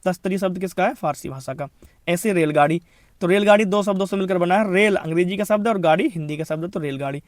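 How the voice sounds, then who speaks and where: A man's voice: high voice, dry recording, clean studio sound. A man giving an exam-prep grammar lesson, rattling off word lists and checking in often. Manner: lists words rapidly, repeats "thik hai" as a check-in. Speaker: Hindi grammar teacher.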